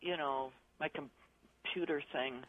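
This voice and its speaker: A woman's voice: low voice, steady tone, slow pace. A woman calling in to a radio show over the phone, hesitant and rambling as she searches for the right words. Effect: voice heard over a phone line into a radio show. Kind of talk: casual call-in question. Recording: tinny phone line.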